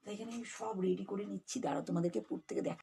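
A woman chatting casually with her viewers in a home vlog, with a soft, friendly way of talking. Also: mid-range voice, steady tone, racing, creaky, a little hiss or hum. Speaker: vlogger. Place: home flat.

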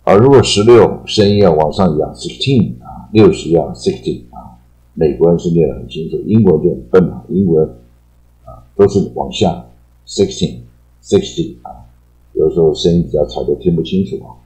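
A man teaching English vocabulary in a casual lesson, with a Taiwanese Mandarin accent, explaining words and padding his sentences with drawn-out fillers and repetition. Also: deep voice, mellow, rough recording.

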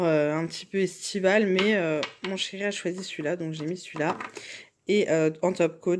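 A woman's voice: on the low side, slight background noise. A young woman chatting casually at home as a vlogger, full of fillers and asides. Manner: chatty, many fillers, drops to a hushed murmur in the evening. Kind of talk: casual chat.

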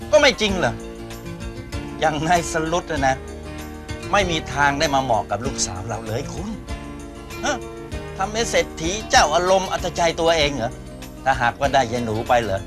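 A blunt, scoffing middle-aged husband in a TV soap, with a fairly high voice. He swings widely up and down as he teases his wife. A music score runs underneath. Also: sing-song, normal speed, long pauses. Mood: dismissive. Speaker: father in a TV drama. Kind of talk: Thai TV soap acting.

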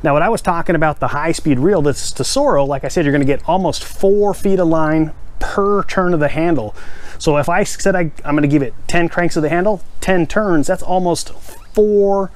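Man, 40s, fishing channel host, slightly high voice, energetic, plainspoken, repeats steps, outdoors in a backyard. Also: moderate pace. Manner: energetic, gestures while holding a rod; plainspoken, repeats key steps, counts out loud. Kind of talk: casual how-to demonstration.

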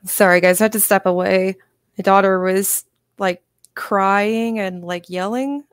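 A woman casually hosting a live commentary stream and chatting with her audience. Her voice is smooth and clear, recorded dry and close. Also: mid-range voice, fairly even intonation, measured pace, no echo. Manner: chatty, laid-back, talks to her chat. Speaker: commentary channel host.

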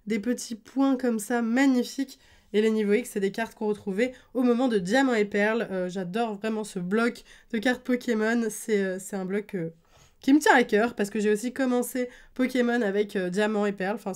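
A young woman giving casual unboxing commentary as a card-collecting YouTuber, chatty and enthusiastic, often pausing on fillers. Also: on the high side, darkish tone.

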